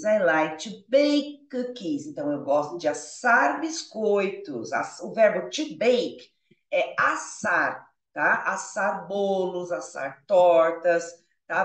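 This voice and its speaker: A Brazilian woman teaching English, who reads each line slowly, then translates and explains it. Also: mid-range voice. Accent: Brazilian Portuguese. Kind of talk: explaining a dialogue, switching languages. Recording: roomy, from a distance.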